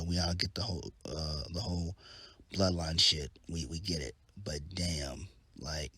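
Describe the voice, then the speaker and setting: A man with a low-pitched, fairly bright, slightly rough voice casually reviews a wrestling show while stuffed up from a head cold. His laid-back, rambling talk has frequent ums and uhs and casual swearing, and the recording is dry.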